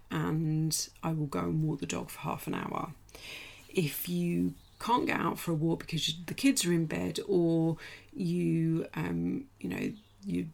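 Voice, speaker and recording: A middle-aged woman with a British accent, croaky today, coaching a group through a morning routine in a direct, encouraging way. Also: deep voice, a little mellow. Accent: British English. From United Kingdom. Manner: direct and encouraging, checks in with "okay?". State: croaky, clearing her throat. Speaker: coach leading a group challenge. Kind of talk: casual live coaching talk.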